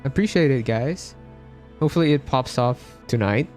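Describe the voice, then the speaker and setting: A Filipino man is livestreaming a game and chatting casually with his viewers, with game music in the background. His medium-pitched voice is animated and a little dark, and he talks at a moderate pace.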